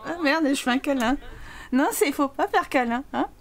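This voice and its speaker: High-voiced playful woman gamer. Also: normal speed, a crowd in the background, noisy background. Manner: lively, playful, voices her Sims' dialogue. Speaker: gaming YouTuber. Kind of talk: Let's Play commentary.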